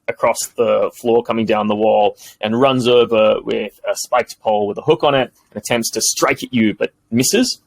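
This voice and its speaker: A man narrating a tabletop game as game master, in a lively, animated way. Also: mid-range voice, poor audio.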